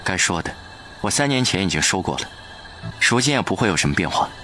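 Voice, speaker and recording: An actor voicing a cold, aloof young prince who speaks in curt, clipped lines in an animated drama. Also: male voice, deep voice, fast, full character voice.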